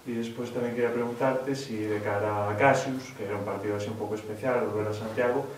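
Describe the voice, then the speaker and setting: A male reporter asks long, winding questions at a press conference in a rather low, even voice at a fast pace. He sounds distant and heavily echoed, with faint noise behind him. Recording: echoey room, distant from the mic.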